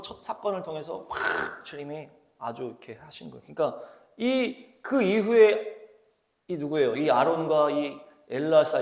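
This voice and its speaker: A man's voice: a little high, darkish tone. A male pastor giving a conversational sermon, reading scripture and explaining it with rhetorical questions. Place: small church hall. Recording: roomy echoing room.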